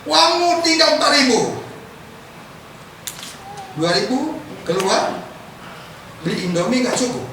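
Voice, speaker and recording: A male preacher delivers a lively sermon and acts out people's prayers. He keeps tossing quick questions to the congregation. His fairly high voice rings through a very echoey church hall, picked up from a distance over steady noise.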